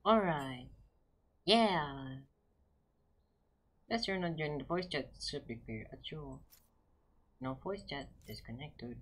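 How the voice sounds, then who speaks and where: A man's voice: a little high, animated, slow, pauses often, a bit bright, a little hiss or hum. A man from Indonesia, chatting casually to viewers during a game stream, reassuring them and repeating short phrases. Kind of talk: casual gaming live stream chat.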